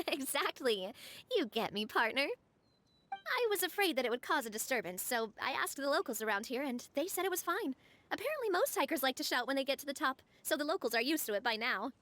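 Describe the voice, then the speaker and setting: A woman's voice: high voice, big pitch swings, a little fast, a bit bright, a little hiss or hum. A woman playing a cheerful, outgoing young woman who talks in an upbeat, persuasive way in a video game.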